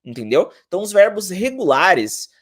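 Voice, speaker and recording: Lively chatty male language teacher. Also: high voice. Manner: chatty, direct address to viewers, slow repeated pronunciation drills. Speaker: English teacher. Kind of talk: casual video lesson.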